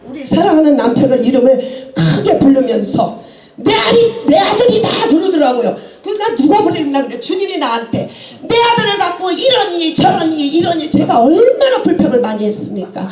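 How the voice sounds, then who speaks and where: A woman's voice: sits high, sing-song, normal speed, echoey room, crowd noise. A woman preaching a sermon with passion, laughing and exclaiming as she goes, mixing English phrases into her talk.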